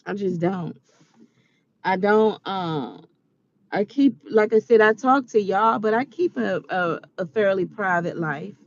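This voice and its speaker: A woman's voice: medium pitch, unhurried, highs cut off, slight background noise. Earnest preachy woman in her forties. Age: 40s. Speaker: vlogger. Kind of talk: casual advice monologue.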